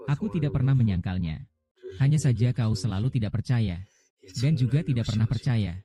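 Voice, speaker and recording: A man voices a dubbed short drama, reading every character's lines himself. His tone is very dark and mellow, and he keeps much the same voice from role to role. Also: medium pitch, animated, a little fast.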